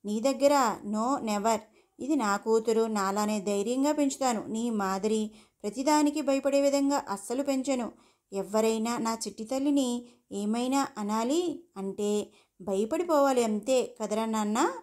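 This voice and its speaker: A woman's voice: on the high side, a little slow, darkish tone, lightly acted. A woman voicing a young husband who is protective and outspoken, talking in an emphatic, questioning way. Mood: insistent.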